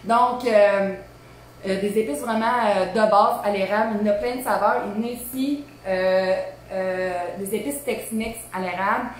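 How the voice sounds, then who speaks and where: A woman's voice: medium pitch, fairly even intonation, normal speed. Woman, Québécois accent, chatty cooking host, very echoey kitchen, faint background hum. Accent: Québécois French. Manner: chatty and informal, lots of fillers and asides. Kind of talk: casual live cooking demo. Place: home kitchen.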